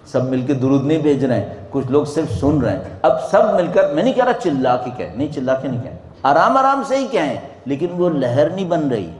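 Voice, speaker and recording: A man giving a religious sermon to a congregation, swinging between loud rising questions and quiet drops. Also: sing-song, few pauses. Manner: dramatic rises and drops in pitch and volume, rhetorical questions. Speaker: preacher. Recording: echoey hall.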